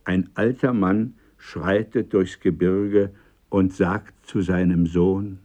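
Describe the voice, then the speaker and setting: A man reading a scripted radio essay in a measured, literary manner. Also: sits low, fairly even intonation, warm tone, lo-fi sound. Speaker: narrator.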